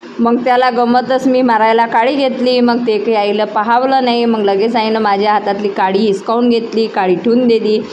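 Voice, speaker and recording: A woman's voice: a little high, little pitch movement, normal speed, darkish tone. A young woman, a mother, casually telling viewers her complaints, often turning to them with rhetorical questions. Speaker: mother and vlogger. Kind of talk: casual storytelling to camera.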